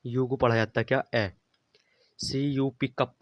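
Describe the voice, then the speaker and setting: A man's voice: medium pitch, level tone, unhurried, no room sound. A man teaching a beginners' English phonics lesson, patiently spelling words out letter by letter and repeating them. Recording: dry, slightly dull lo-fi recording.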